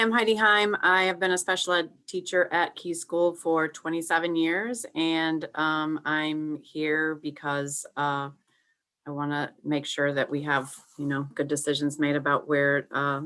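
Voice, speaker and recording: A woman's voice: low-pitched, level tone, measured pace, sharp tone. A woman, a longtime special education teacher, introducing herself earnestly on a video call. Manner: earnest with fillers. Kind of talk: meeting introduction.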